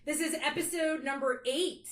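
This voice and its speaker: A woman's voice: high voice, normal speed, a bit bright. A woman co-hosting a podcast in casual chat, eager and enthusiastic. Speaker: podcast co-host.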